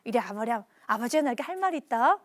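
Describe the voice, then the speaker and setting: A woman voicing a calm middle-aged father who explains himself patiently during a sermon. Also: on the high side, quick pace, pitched below the performer's own voice, close to an everyday voice. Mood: calm explaining.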